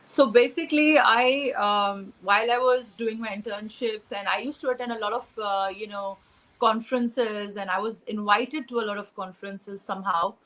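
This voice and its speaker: A woman's voice: medium pitch, normal speed, fairly bright tone, poor audio. A young woman from Pakistan answering interview questions, hesitant, with many fillers and restarts. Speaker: interview guest.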